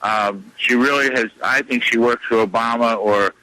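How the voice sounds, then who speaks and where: A man speaking as a radio guest, insistent and combative, repeating his points with many pauses and fillers. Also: mid-range voice, sharp tone, low-quality recording. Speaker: radio show guest, lawyer. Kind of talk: radio interview, phone-in.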